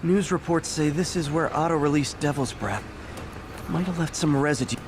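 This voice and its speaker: A man's voice: a little high, moderate pace, noisy background, close to an everyday voice. A man voicing an earnest, wisecracking young superhero who thinks aloud as he investigates in a video game. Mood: curious.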